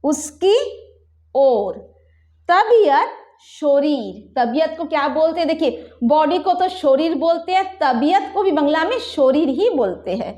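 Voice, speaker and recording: A woman teaching a language lesson at a board, explaining patiently and slowing down to spell out example phrases. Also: high-pitched, animated, dark tone, echoey room. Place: room with a whiteboard.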